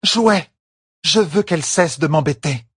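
A man's voice: medium pitch, expressive, unhurried, husky, no echo, clean studio sound, voice pushed up. A man voicing an imperious young noblewoman in an audiobook, giving clipped, haughty orders. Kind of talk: audiobook character voice.

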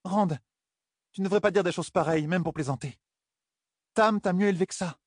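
A man's voice: high-pitched, a little fast, slightly rough, no room sound, studio quality, pitched above the performer's own voice. A man voicing an anxious young village woman, speaking in a reproachful, pleading way.

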